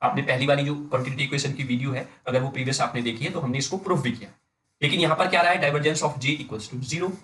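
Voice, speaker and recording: A man with an Indian accent giving an engineering lecture, dictating slowly word by word and often checking in with his students. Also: medium pitch, steady tone, fairly bright tone, low-quality recording. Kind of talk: blackboard-style lecture in mixed Hindi and English.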